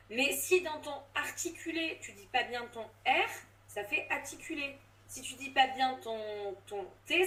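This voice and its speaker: A voice coach and drama teacher in her thirties explains things in a casual interview, hesitant and full of fillers and restarts. Her voice is fairly high and a bit bright, with slight hiss or hum, and she sounds roomy and distant from the mic.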